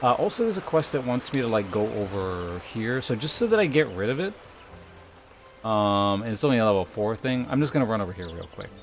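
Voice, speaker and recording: A man with a lowish voice, big pitch swings and a slightly fast pace streams a game with game music behind him. He rambles casually, reads chat out loud, swears freely and keeps a dry, sarcastic tone.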